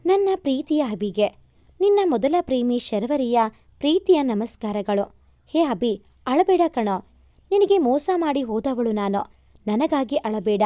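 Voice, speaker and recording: Woman narrator voicing a remorseful young woman, soft apologetic letter read, warm tone. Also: on the high side, animated, measured pace, no echo, clean studio sound.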